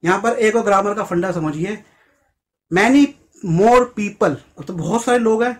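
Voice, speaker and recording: A man with a fairly high voice teaches English grammar to his viewers. He breaks each phrase into single words and says them slowly and deliberately. Now and then he acts out a short everyday scene in a lifted voice. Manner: explains slowly, repeats English phrases word by word; acts out little quoted scenes with a raised voice. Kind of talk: Hindi-language English grammar lesson.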